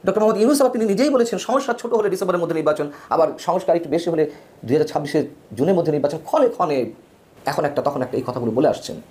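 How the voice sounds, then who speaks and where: A man giving opinionated political news commentary, emphatic, with his pitch swinging widely between phrases. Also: animated, rapid-fire, darkish tone.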